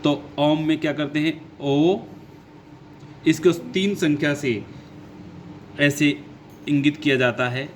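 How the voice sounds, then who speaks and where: A man teaching a grammar lesson who goes slowly, repeats his points and asks his own questions before answering them. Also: fairly high pitch, fairly even intonation, a little hiss or hum. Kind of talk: classroom lesson explaining grammar.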